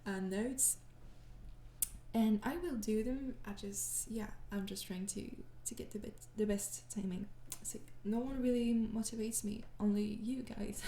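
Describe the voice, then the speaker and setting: This clip has a young Frenchwoman answering fan questions for her ASMR channel in a soft-spoken, casual way. Her mid-range voice keeps fairly even intonation at a slightly slow pace, in an echoey room with faint hiss or hum; tired and apologetic, she hesitates, laughs softly, and whispers at times.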